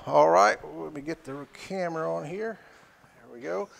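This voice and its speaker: A man calls a live-streamed auction in a folksy, casual style, repeating prices and phrases. His voice is on the high side and creaky, at a moderate pace, and the hall echoes with long reverb.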